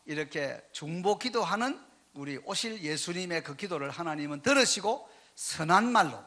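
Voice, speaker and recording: Lively high-voiced sermon interpreter. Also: male voice, moderate pace. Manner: lively, emphatic, leads the congregation in reading. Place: church sanctuary.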